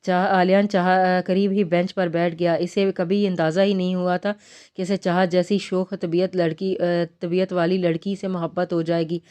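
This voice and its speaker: A woman narrating a romance novel aloud in a plain, unhurried reading style. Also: fairly low pitch, flat delivery, a little mellow, smooth.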